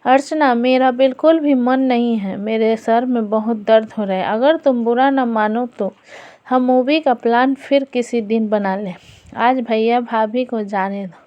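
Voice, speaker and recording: A woman's voice: a little high, a little slow, muffled recording, close to an everyday voice. A woman storyteller voicing a polite but firm young man who talks in an earnest, direct way. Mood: gentle.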